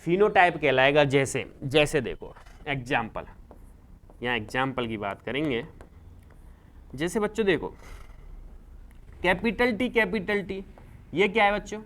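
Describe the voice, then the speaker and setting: A man with a Rajasthani Hindi accent teaching a class, lively and repetitive, asking students questions and answering them himself. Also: a little high, measured pace, long pauses. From India. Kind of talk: classroom lecture.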